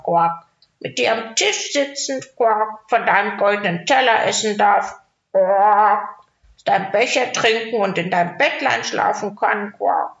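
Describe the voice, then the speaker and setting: A pleading, bargaining fairy-tale frog with a gravelly croak, drawing out every word slowly, as a woman narrator puts him on. He breaks up his phrases with croaks. The recording is roomy and dull. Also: medium pitch, a bit bright. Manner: drawn-out, croaks between phrases. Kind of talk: storybook reading.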